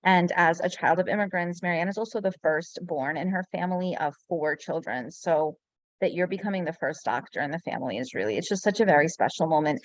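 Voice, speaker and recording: A woman's voice: fairly low pitch, no room sound. A woman hosting a video-call webinar, gushing and getting emotional as she praises a former student. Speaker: webinar host.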